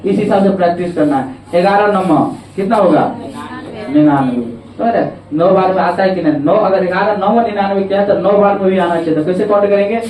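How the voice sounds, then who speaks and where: Heard from far off in an echoey classroom, a male teacher with a high, darkish voice teaches a math lesson. He is coaxing in manner and keeps checking that the students understand.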